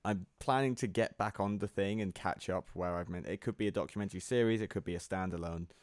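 Male podcast co-host, deep voice, rambling casual delivery, dry studio sound. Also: fast talker, no room sound. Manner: rambling, laughs easily. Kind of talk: casual chat.

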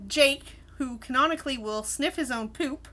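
A woman's voice: high-pitched, normal speed. A woman co-hosting a podcast, chatting casually and with enthusiasm as she reviews a cartoon episode and steers the talk. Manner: animated, enthusiastic, leads the conversation. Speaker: podcast co-host.

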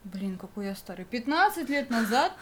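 A young adult woman co-hosting a casual nostalgic chat, rambling with plenty of fillers and quick laughs. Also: on the high side, very animated, noisy background. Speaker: podcast co-host.

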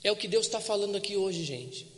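High-voiced pastor preaching in a hall. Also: male voice, lively intonation. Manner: reads scripture slowly, repeats words, asks the congregation to respond. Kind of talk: sermon. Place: church broadcast on radio. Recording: long hall reverb.

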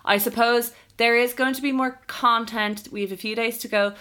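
Irish woman cohosting a chatty podcast, bright upbeat voice. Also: on the high side, fairly even intonation, moderate pace. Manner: chatty, enthusiastic. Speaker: podcast co-host. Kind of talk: casual podcast chat.

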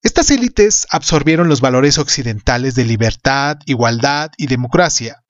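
A man's voice: fairly high pitch, no room sound, dull audio. A man hosting a podcast, reading scripted history narration. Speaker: podcast host.

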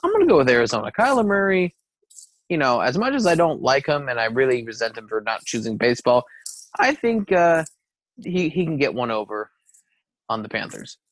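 A man co-hosting a football podcast, excitable and quick to curse, who gets loud and passionate about his picks. His voice has a middling pitch. The recording is close and dry. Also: no echo, poor audio. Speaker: podcast co-host. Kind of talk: casual sports picks chat.

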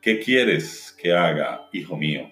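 A man voicing God as a deep, grave voice speaking slowly and calmly. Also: exaggerated voice. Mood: solemn. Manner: slow, grave, calm. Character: deep, solemn male voice of God. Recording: roomy with faint music.

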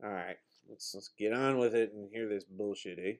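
A man's voice: fairly low pitch, normal speed. A man hosting a podcast, rambling casually in a self-deprecating, profane way. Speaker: podcast host.

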